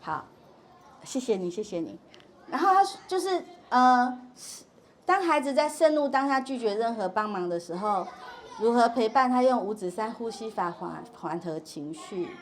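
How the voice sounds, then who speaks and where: A middle-aged woman giving a parenting workshop to parents, animated and acting out quoted dialogue. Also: on the high side, moderate pace, a little hiss or hum. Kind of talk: parent education lecture with Q&A.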